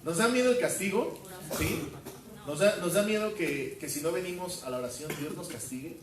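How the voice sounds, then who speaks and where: A pastor giving a verse-by-verse sermon, asking his congregation questions and filling pauses with hesitations. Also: sits high, noisy background. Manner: questions the congregation, many fillers. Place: church hall. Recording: roomy hall from far off.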